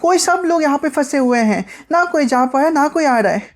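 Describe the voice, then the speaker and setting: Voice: high-pitched, expressive, moderate pace, voice pushed up. A storyteller voicing a blunt young girl who scolds and teases her friend. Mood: exasperated.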